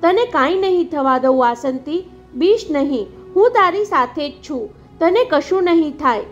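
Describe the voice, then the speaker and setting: A woman's voice: high-pitched, animated, moderate pace, dull audio, soft background music. A woman reading a busy, distracted husband. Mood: tender. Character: neglectful busy husband, a critic.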